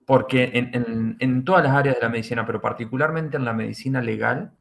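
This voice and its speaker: A man's voice: mid-range voice, gravelly. A middle-aged man with an Argentine accent, a forensic doctor guest on a podcast, explaining his work and repeating key phrases for emphasis. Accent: Argentine Spanish. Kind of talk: podcast interview.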